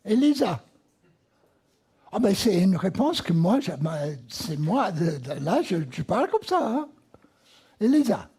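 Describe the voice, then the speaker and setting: Preacher, male, American accent, slow and emphatic, slightly husky tone. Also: sits high, very animated, warm tone. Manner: slow, emphatic, repeats key words. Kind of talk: sermon. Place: church.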